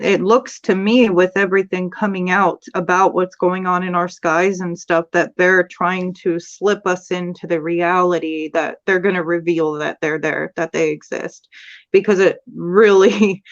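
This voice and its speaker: A woman's voice: fairly low pitch, level tone, unhurried, dull audio. A woman guest in a casual live-stream chat, speaking hesitantly with many fillers and trailing off.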